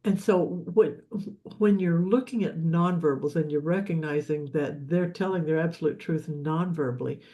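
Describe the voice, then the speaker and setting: Heard on a muffled recording, a man with a fairly high voice and dark tone talks at normal speed while teaching a live session on leadership and communication. The leadership coach's explanations are loose and repetitive, with repeated words and many restarts.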